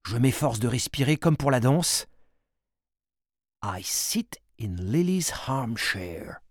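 A storyteller with a French accent who narrates slowly and deliberately, leaving dramatic pauses between phrases. The pitch moves about expressively. The sound is close and dry. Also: sing-song, no echo.

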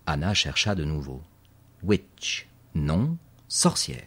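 In this audiobook narration, the man reads with lots of expression in a low, breathy voice, slowly spelling out words as he goes, storybook style.

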